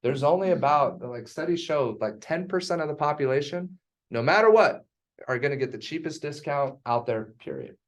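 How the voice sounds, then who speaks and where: A man's voice: fairly high pitch, expressive, normal speed. A man teaching a real estate sales class in an emphatic, teasing way.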